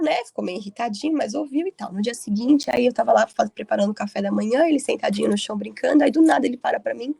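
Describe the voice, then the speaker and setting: A woman's voice: medium pitch, gravelly, darkish tone, breathy edge, dry recording. A woman leading a casual group Bible study, telling stories in a chatty way with frequent tag questions. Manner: chatty storytelling with frequent "né" tags.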